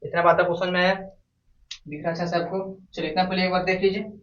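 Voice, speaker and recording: A man speaks a bit fast in a high, fairly bright voice with little pitch movement, teaching math at a classroom board. He keeps repeating questions to students and answering them on his own. Captured far away in an echoey room, the audio sounds dull and lo-fi.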